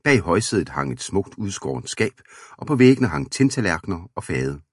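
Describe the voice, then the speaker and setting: Male audiobook narrator, steady storytelling, extremely low and husky. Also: no echo, studio quality. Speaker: audiobook reader.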